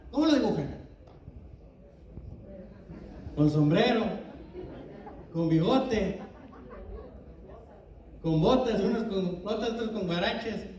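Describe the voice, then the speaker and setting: A man preaching in a church, his Valley Tex-Mex accent clear as he keeps asking the congregation questions. His voice is mellow and dark, and it rings through a big echoing hall, picked up by a mic some way off. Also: very high voice, far from the mic, a little hiss or hum. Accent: Tex-Mex Spanish of the Rio Grande Valley. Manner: asks the congregation many questions, quick and lively. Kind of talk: sermon. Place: church sanctuary.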